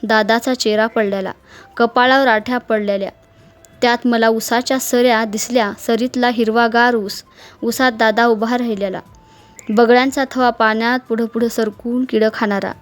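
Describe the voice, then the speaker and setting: A woman's voice: on the high side, normal speed. Woman narrating a rustic village story. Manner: steady, dialect-flavoured narration. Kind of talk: narrated short story reading.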